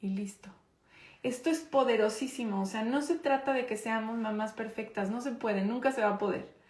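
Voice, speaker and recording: A woman in her thirties with a Mexican accent, teaching an informal online class in a conversational way and slowing down to stress her points. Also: a little high, a little mellow. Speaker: course instructor. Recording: roomy echo.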